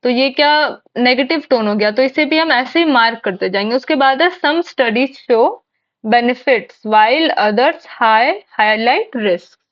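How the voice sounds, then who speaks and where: A woman's voice: fairly high pitch, animated, slow pace, lo-fi sound. A woman teaching an exam-prep lesson, explaining step by step and asking and answering her own questions. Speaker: English teacher.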